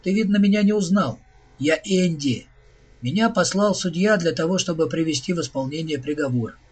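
A man voicing a cheerful, chatty male robot in an audiobook reading, with a husky voice. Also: on the high side, moderate pace, darkish tone.

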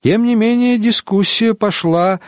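A man narrating an audiobook with an expressive reading. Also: high voice, unhurried, no room sound, studio quality.

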